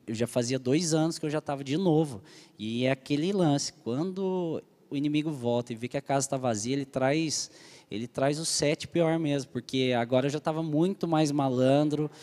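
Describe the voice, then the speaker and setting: Young guy from brazil telling his church testimony, earnest and animated, kinda high voice, long echo in the room. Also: normal speed. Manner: earnest, animated storytelling addressing the group. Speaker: church leader giving testimony. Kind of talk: emotional personal testimony.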